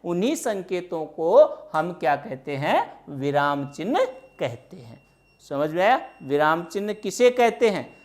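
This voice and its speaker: Woman teacher, measured grammar lesson, slow-paced, rhetorical questions to the class. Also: lowish voice, sing-song, darkish tone.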